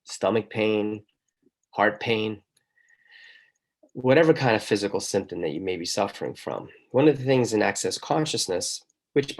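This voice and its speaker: Male host, low gravelly voice, emphatic questioning monologue. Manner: emphatic, asks the listener many questions. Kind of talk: motivational monologue.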